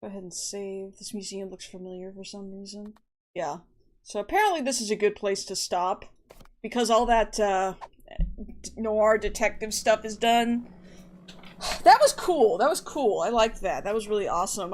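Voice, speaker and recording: A woman's voice: mid-range voice, normal speed, slight background noise. A woman streamer chatting casually to her live audience, rambling and going off on tangents. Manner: rambling, chatty, often restarts and trails off.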